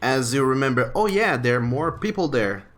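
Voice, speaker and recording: A man's voice: medium pitch, normal speed. A man narrating as game master in a tabletop game over an online voice call, his voice cutting in and out. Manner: descriptive, relaxed narration with fillers.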